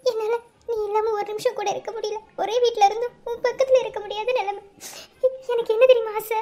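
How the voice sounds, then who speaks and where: A pleading young wife in a homemade cartoon, voiced by a woman. She has a very high, tearful voice and speaks with a Madurai Tamil accent. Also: flat delivery, fairly quick, dark tone. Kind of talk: cartoon voice acting.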